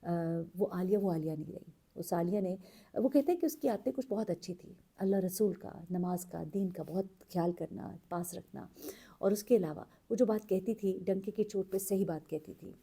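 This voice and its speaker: A woman narrating a true story in an earnest, unhurried way, pausing with fillers as she goes. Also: mid-range voice, gravelly, warm tone, breathy edge. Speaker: storyteller host.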